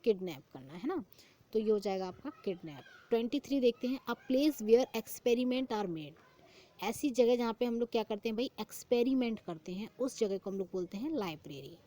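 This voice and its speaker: A young woman teaching an exam-prep vocabulary lesson, reading each English phrase slowly and explaining it in Hindi, often repeating the answer as a question. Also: fairly high pitch, animated, dark tone.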